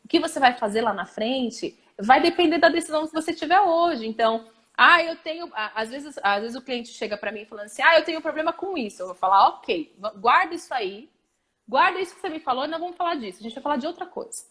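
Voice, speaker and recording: High-voiced emphatic Brazilian woman therapist. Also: expressive, fast, a bit bright. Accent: Brazilian Portuguese. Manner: emphatic, repeats key phrases, asks rhetorical questions. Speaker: therapist and host. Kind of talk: casual panel conversation.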